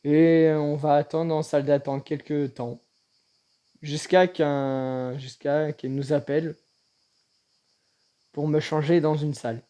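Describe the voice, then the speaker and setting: A man telling a personal story in a casual vlog, in a halting way with frequent restarts. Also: a little high, level tone, dark tone. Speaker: vlogger.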